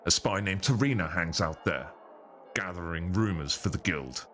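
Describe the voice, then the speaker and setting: A game master using a voice changer that deepens his voice, playing a stern, commanding male captain of the city guard who gives curt orders. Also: lively intonation, moderate pace, a bit bright.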